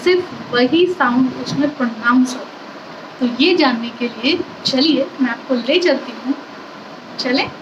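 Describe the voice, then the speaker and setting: A woman's voice: sits high, background noise. A woman teaching a language lesson, explaining step by step and mixing English phrases into her Hindi. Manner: slow and deliberate when reading English lines.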